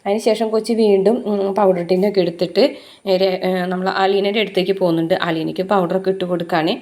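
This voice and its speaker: A woman's voice: mid-range voice, fairly even intonation, a little fast, a little mellow. A woman casually recapping a TV serial episode, chatty and full of fillers. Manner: chatty retelling with frequent "uh" fillers.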